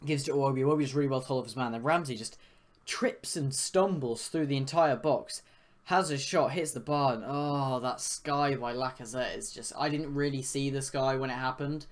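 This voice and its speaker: A man's voice: mid-range voice, moderate pace. A young man, giving casual, rambling live reactions to a football match into a streaming microphone. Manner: casual, rambling, thinking aloud. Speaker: fan reaction host. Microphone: computer microphone for live stream.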